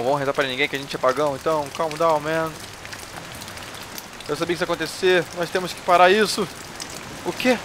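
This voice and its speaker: Gaming commentator, male, excitable, loud in fights, swears, somewhat high voice, steady rain noise behind. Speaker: gaming YouTuber. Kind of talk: let's play commentary.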